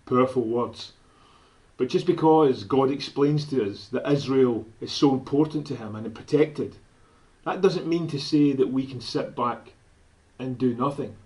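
Slow, deliberate Scottish man. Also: medium pitch, mellow, low-quality recording. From Scotland. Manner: slow, deliberate, quotes scripture. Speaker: director of an advocacy group. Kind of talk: earnest direct-to-camera appeal.

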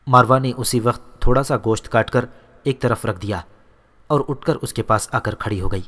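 A man reading a historical novel aloud as an audiobook narrator, measured and steady. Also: medium pitch. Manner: measured storytelling. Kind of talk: scripted narration.

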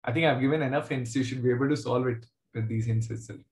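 A man's voice: mid-range voice, steady tone, fast, a little mellow. Echoey South Indian man teaching class. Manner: conversational, joking with students. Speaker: maths teacher. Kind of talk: informal online class teaching. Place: indoor room, online video class. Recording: roomy, echoey online class audio.

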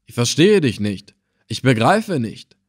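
A man voicing an excitable, talkative old male helmsman in an audiobook, pleading and crying out. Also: medium pitch, unhurried, husky, no room sound, clean studio sound. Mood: defensive. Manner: pleading and wailing. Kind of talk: audiobook character voice.

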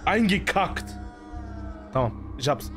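A man's voice: fairly high pitch, lively intonation, measured pace, music in the background. A man giving panicky, jumpy let's play commentary on a horror game, full of sworn exclamations. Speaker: gaming streamer.

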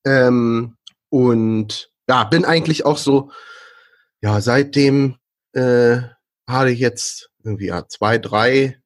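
A man's voice: mid-range voice, slow. Young man guest from Berlin, hesitant, lots of "ähm" and restarts, casual interview tone. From Berlin, Germany. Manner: hesitant, many fillers and restarts. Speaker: interview guest, freelance frontend developer.

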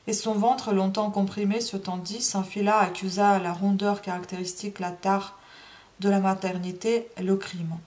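A woman reading a classic novel aloud in a steady narrating voice, with small restarts now and then. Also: mid-range voice. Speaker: audiobook reader.

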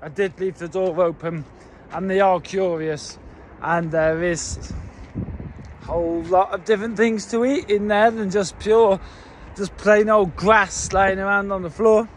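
Holding his phone at arm's length, a forty-something farm owner vlogs as he wanders his mountain farm, mostly outdoors with some time in a wooden kitchen. His fairly high voice stays steady and a little slow while he chats loosely, full of fillers and restarts, over a faint hiss.

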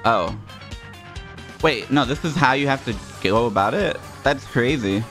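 A young man narrates his gameplay in a casual, sarcastic voice, mocking himself and swearing freely. His voice sits in an ordinary middle pitch. Soft background music plays faintly behind him. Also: expressive, unhurried. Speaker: streamer.

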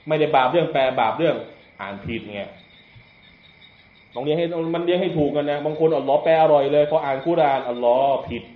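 A man giving a relaxed Islamic lecture in a mosque hall. He jokes with the audience and sounds out letters to demonstrate pronunciation. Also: fairly high pitch, fairly quick. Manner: joking, conversational, demonstrates pronunciation aloud. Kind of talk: religious lecture. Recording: echoey, dull lo-fi hall recording.

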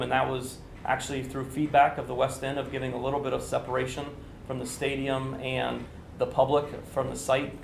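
Creaky and mid-range, the voice belongs to a construction official in his forties giving businesslike answers at a press briefing. He explains things with many fillers, speaking into a standing mic in an indoor conference room as a TV camera rolls. The sound is echoey, with background noise.

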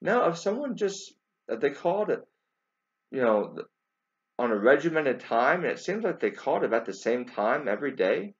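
A video commentator in his forties speaks informally to camera in a mid-range, lively voice that rises and falls a lot. He talks haltingly, repeats words, and doubles back with emphatic stress and emphatic rhetorical questions. The audio is dull and lo-fi, like a webcam recording.

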